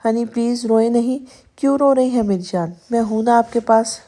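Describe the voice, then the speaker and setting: Storybook husband, possessive and firm, mellow higher voice, as a woman reads him. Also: steady tone, close to an everyday voice. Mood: coaxing. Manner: firm, turning tender then sulky. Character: possessive stern young husband, coaxing.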